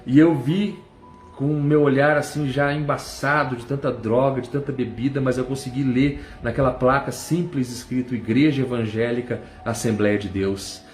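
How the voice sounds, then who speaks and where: A man's voice: medium pitch, steady tone, normal speed. A middle-aged man from Brazil, giving a fervent church testimony and breaking into cries of praise. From southern Brazil. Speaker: testimony speaker. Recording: echoey room with faint music.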